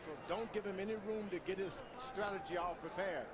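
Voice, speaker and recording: A man's voice: high-pitched, a little fast. A man giving live expert boxing commentary in an instructive, explanatory way. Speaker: boxing analyst. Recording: loud arena noise behind voice.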